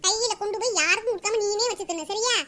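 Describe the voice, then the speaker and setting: A woman's voice: very high-pitched, racing, bright, forceful tone. A woman playing a young mother, coaxing and scolding her child.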